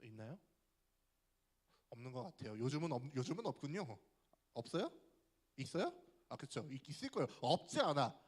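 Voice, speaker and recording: Lively young man preaching to youth. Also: medium pitch, brisk, long pauses. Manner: chatty, asks the audience questions. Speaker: youth pastor. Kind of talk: youth sermon. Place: church hall.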